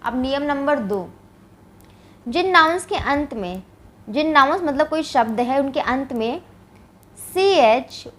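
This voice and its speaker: A woman's voice: high-pitched, expressive, measured pace, long pauses, a bit bright. A woman from India teaching English grammar, explaining step by step and answering her own questions. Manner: says "ठीक है" often as a check-in. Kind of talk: classroom grammar lesson.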